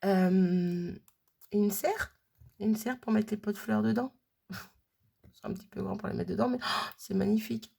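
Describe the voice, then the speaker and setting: A woman's voice: medium pitch, measured pace, gravelly, long pauses, warm tone, slightly rough. A woman chatting casually as she unboxes a craft gift, gushing and repeating her delight as she goes.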